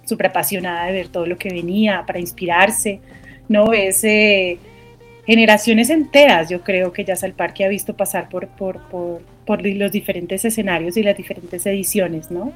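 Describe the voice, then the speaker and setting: A woman from Colombia, a jazz singer and composer, answering interview questions thoughtfully with frequent restarts and pauses. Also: medium pitch, soft background music. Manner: thoughtful, searching for words, many restarts.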